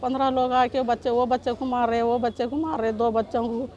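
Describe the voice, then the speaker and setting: A woman's voice: fairly high pitch, fairly even intonation, a little fast, darkish tone, lo-fi sound. A middle-aged woman, giving an emotional news interview as a shopkeeper, urgent and pleading and repeating herself. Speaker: shopkeeper telling of an assault.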